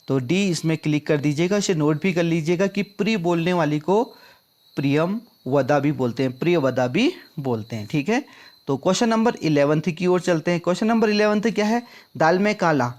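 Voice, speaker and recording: Man going through exam questions, higher-pitched. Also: darkish tone. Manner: drills answers by repeating them back as questions; addresses viewers as friends. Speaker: exam prep teacher. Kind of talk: explaining quiz answers.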